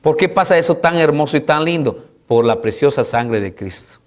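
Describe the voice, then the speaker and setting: A man preaches as pastor, his voice sitting somewhat high for a man. He pushes loud, soaring exhortations and then drops into quiet, low pleading. Repeated rhetorical questions drive his sermon. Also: animated, moderate pace. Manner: swings between loud high exhortation and low soft passages.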